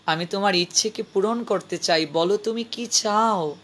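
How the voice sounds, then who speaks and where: A man playing a kind old holy man who speaks softly and tenderly, in a gentle, admonishing way. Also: sits high, unhurried. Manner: soft, tender, calls her mother.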